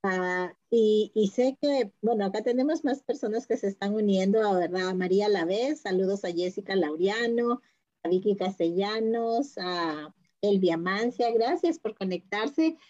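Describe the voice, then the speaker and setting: A woman hosts a podcast in a relaxed, chatty way and greets the listeners by name. Her voice sits at a middle pitch. The recording sounds dull and lo-fi. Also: a little slow. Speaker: podcast host. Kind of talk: podcast interview hosting.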